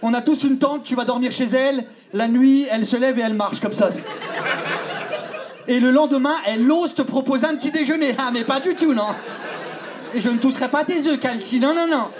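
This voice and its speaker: A young man telling a stand-up story on stage, animated, acting out voices and sometimes shouting. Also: very high voice, a little fast. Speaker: stand-up comedian. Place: theater stage before a live audience. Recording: live show with loud laughing crowd and noise.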